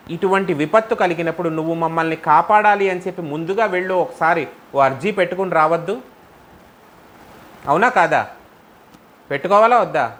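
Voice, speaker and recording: A man with a somewhat high voice teaches a devotional scripture lesson, chanting verses and putting rhetorical questions to his class. A faint noise sits under the recording. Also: fairly bright tone. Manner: asks many rhetorical questions.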